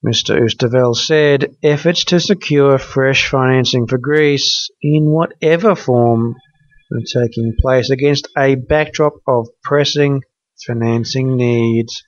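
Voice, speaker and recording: Guy reading money news real slow, dry dull sounding mic. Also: mid-range voice, no room sound. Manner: measured, reads quotes aloud with "quote" and "end quote". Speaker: podcast news reader.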